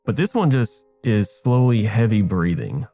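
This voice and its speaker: A man with a fairly low voice runs a tabletop game as game master. He narrates in a relaxed way, full of fillers and restarts, over faint background music. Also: moderate pace.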